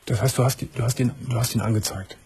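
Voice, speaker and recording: A man hosting a late-night radio call-in, who asks calm, empathetic questions and murmurs gentle agreement. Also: mid-range voice, fast, vocal fry, slightly rough, dry recording. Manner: gentle, with frequent affirming murmurs. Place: radio studio.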